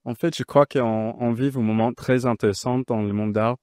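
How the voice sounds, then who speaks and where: A man speaking on a panel, unscripted, in halting, non-fluent French. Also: medium pitch, fairly even intonation, darkish tone, clean tone, no room sound, studio quality.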